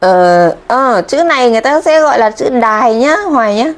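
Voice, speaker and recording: A fairly high-voiced woman from Vietnam leads a live-streamed Japanese kanji lesson. She talks in a chatty, friendly way and keeps checking in with her viewers. She sounds like a teacher speaking straight to her online class. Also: lively intonation, moderate pace.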